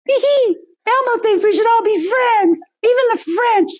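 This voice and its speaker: A woman voicing a cheerful childlike monster puppet in a high, giggling voice. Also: moderate pace.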